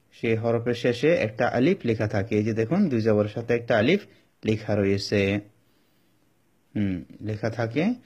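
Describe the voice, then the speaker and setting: A man's voice: medium pitch, darkish tone, slightly rough. A man with a Bangladeshi Bengali accent teaching Quran reading, explaining each rule patiently and repeating it several times. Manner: drawn-out chanted Arabic examples. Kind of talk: step-by-step recitation lesson.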